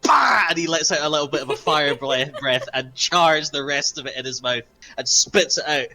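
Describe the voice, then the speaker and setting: A man's voice: on the high side, steady tone, moderate pace, pushed and bright. A man playing a tabletop game, describing his character's actions while laughing and stammering. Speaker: player.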